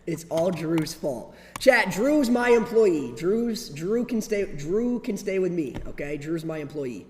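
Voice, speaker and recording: A young man streams in a casual, slangy way, often repeating himself. His voice sits fairly high. The sound rings with reverb over some background noise. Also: expressive, a little slow, a little mellow. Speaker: livestreamer. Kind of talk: casual chat to livestream viewers.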